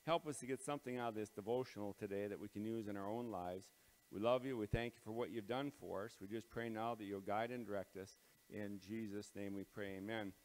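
A man leading morning devotions as pastor, speaking in a plain, halting way with many ums and uhs, his voice ringing with big hall echo in a large empty auditorium. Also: on the low side, steady tone, darkish tone. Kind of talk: casual devotional talk and prayer. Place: large empty auditorium under renovation, bare floors.

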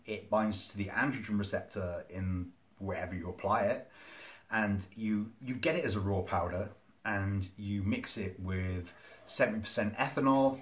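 A man's voice: lowish voice, a bit bright. A man talking casually to camera in a vlog, rambling and candid with plenty of ums. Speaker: vlogger.

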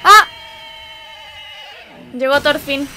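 A woman's voice: sits high, very slow, bright, forceful tone, slight background noise. A young woman with a Chilean accent giving casual reaction commentary as an anime reaction host, exclaiming and making sympathetic asides to her viewers. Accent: Chilean Spanish.

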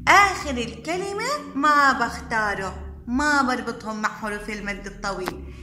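A woman's voice: on the high side, animated, normal speed, pushed and bright, echoey room, a little hiss or hum. A woman, teaching young children letters and syllables in a sing-song voice and praising them often. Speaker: kindergarten teacher.

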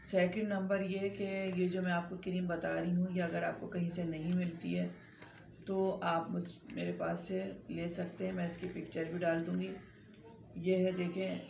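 A middle-aged female doctor speaks directly into a nearby phone camera, offering skin-care advice in a chatty, instructive manner while holding up the products she recommends. A sore throat makes her fairly low, darkish voice hoarse and gravelly with fry. Her small, shelf-lined clinic room echoes, with a faint hiss beneath and the highs cut off.

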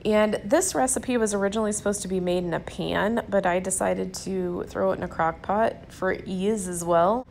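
A chatty woman with a Southern US accent narrates her home cooking in an upbeat voice-over, talking straight to her viewers. Her voice sits at an ordinary middle pitch. A faint hiss of noise runs under the recording. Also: moderate pace, vocal fry, hardly any pauses, darkish tone. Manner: chatty, upbeat, addresses viewers as "you guys". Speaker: cooking vlogger.

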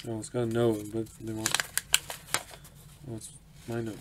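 Speaking with a fairly low pitch, monotone and at normal speed, a man in his twenties opens his mail on camera. He runs an autograph collecting channel and sounds chatty and upbeat, laughing often and saying um frequently. Recorded at home in a small room, the audio is noisy.

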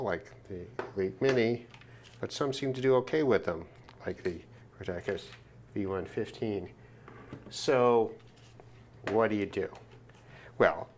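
A man with a voice on the low side demonstrates radio gear at an indoor work desk, talking through it casually and matter-of-factly with no script. A little hiss or hum can be heard on the recording.

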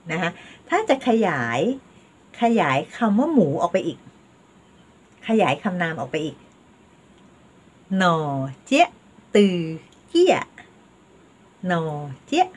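An older woman teaching a language lesson, patiently leading slow counting drills. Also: medium pitch, husky. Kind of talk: home video language lesson.

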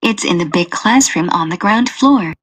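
A woman's voice: fairly low pitch, animated, moderate pace, husky. A woman playing a friendly, curious college student in a scripted exam dialogue.

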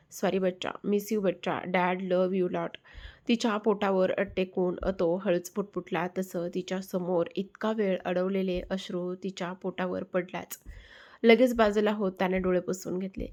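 Low, flat-voiced woman narrating a story. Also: creaky.

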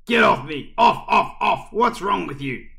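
A man voicing a grumpy male school caretaker who thunders and shouts, raising his voice high. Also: very animated, fairly quick. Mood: furious. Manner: thundering and loud.

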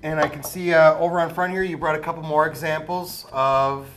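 A man's voice: on the high side, level tone, a little fast, a bit bright, faint music behind. A man in his thirties hosting a local TV cooking segment, upbeat and enthusiastic. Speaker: TV show host. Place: indoor TV studio kitchen set.

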